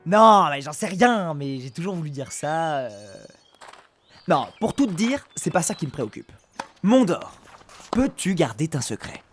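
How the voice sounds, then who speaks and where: Actor doing excitable cartoon villain boss, theatrical n gloating, pitch all over, bit of music under. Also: unhurried. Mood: smug. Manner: theatrical, swinging from chatty to gloating. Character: excitable, boastful cartoon villain boss, cruel yet petty. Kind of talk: comic audio drama villain acting.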